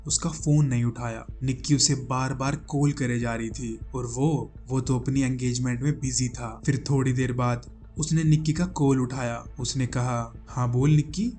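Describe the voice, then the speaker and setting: A man narrating a true-crime story dramatically, with suspenseful pauses and repetitions. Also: mid-range voice, fairly even intonation, darkish tone, faint music behind.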